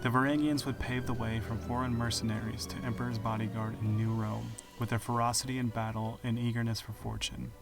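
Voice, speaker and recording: A man hosting a history podcast, telling it in measured, dramatic scripted narration. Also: mid-range voice, flat delivery, gravelly. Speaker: podcast host. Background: music.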